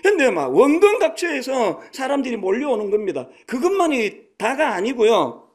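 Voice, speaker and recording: A man's voice: very high-pitched, huge pitch swings, moderate pace. A man in his sixties preaching a sermon as a pastor, in a conversational storytelling manner that acts out quotes. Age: 60s. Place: church sanctuary.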